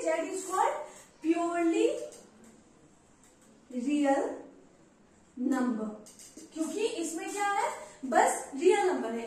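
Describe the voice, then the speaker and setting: A woman teaching a maths lesson at a board, patiently asking questions and answering them herself. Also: very high-pitched. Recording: echoey room, voice from far off.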